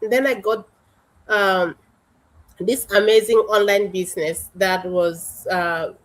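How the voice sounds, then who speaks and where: A woman's voice: medium pitch, fairly even intonation, takes it slowly, rough recording. A woman from South Sudan, a guest on an online panel, telling her story in an earnest, heartfelt way over a video call.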